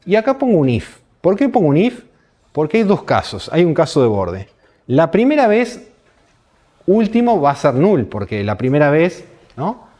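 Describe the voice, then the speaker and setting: Lively Rioplatense Spanish lecturer. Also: male voice, on the high side, normal speed. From Uruguay. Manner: explains step by step, asks the class rhetorical questions. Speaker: university lecturer. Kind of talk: lecture on programming. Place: lecture hall.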